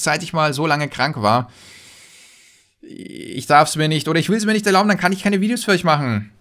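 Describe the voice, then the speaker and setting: A man doing casual gaming commentary, chatting and answering viewer messages as a let's player. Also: fairly bright tone. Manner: chatty, jumps in pitch when reading names.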